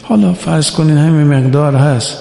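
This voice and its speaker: A man preaching a religious sermon who urges his listeners on and slowly chants quoted scripture. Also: fairly high pitch, creaky, dark tone. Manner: exhorting, quotes Arabic scripture in slow chant. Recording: echoey hall reverb.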